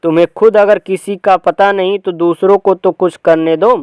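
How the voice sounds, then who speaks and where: A man reading a play aloud and voicing a grieving young husband who is bitter and defiant, with shouted outbursts between tired lines. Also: sits high, steady tone, moderate pace, a little hiss or hum, lightly acted. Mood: exasperated.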